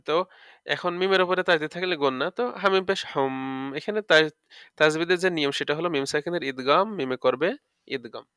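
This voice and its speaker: A man's voice: fairly high pitch, pushed and bright, clean tone, no room sound, studio quality. A man teaching Quran recitation, spelling out letters one by one and stretching out the words as he recites, often checking that listeners follow. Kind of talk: tajweed lesson, explaining and demonstrating recitation.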